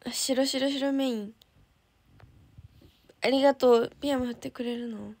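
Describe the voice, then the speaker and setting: Young woman idol, higher voice, casual and bubbly livestream chatter with frequent soft whispered asides. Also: fairly even intonation, normal speed. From Japan. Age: young adult. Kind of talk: casual livestream chat, reading viewer comments.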